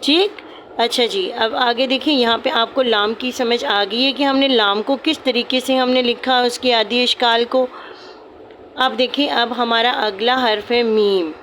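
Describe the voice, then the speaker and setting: A woman's voice: on the high side, steady tone, a little slow, fairly bright tone, slight background noise. Patient woman teaching calligraphy. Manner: patient, repeats points, calls students "beta". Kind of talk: step-by-step lesson narration.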